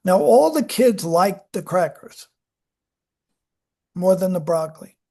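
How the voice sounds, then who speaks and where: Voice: mid-range voice, animated, slow, creaky, darkish tone. A psychology lecturer explaining child development to a class in a conversational, self-correcting way, acting out examples. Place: lecture room.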